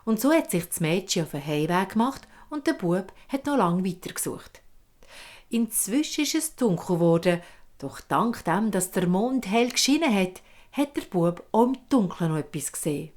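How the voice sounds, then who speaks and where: A woman with a Swiss German accent telling a fairy tale in a vivid, expressive way. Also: mid-range voice, normal speed. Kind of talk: oral fairy-tale storytelling.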